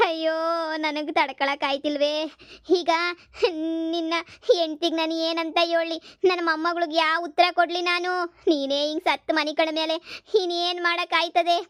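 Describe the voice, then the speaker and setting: Lady playing a shrill old granny in a cartoon, sobbing and dragging her words, dry close mic. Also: a bit bright, no room sound. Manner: drawn-out sobbing lament. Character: wailing greedy old village grandmother. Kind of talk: comic cartoon voice acting.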